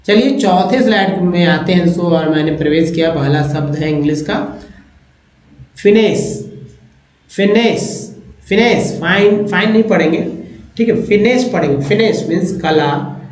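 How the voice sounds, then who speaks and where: A man teaching English vocabulary from slides, slowly repeating each word and its list of meanings. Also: a little high, a little mellow. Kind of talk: slide-based vocabulary lesson. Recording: echoey room, dull lo-fi sound.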